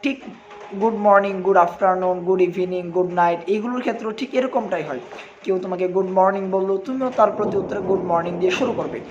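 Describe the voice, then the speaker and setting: A man's voice: high-pitched, brisk, lo-fi sound, noisy background. A young man with a Bangladeshi accent, teaching an English lesson in Bengali and spelling words out letter by letter.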